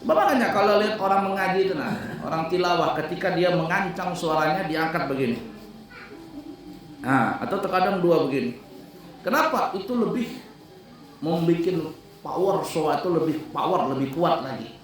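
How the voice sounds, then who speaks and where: A man's voice: a little high, expressive, moderate pace. Man teaching, in an echoey room from afar. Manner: explains in plain talk and breaks into sung calls to prayer; asks students whether they understand. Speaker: religious teacher at an Islamic boarding school. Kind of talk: classroom lesson on calling to prayer, with sung demonstrations. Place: classroom hall at a boarding school. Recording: echoey room, recorded from a distance.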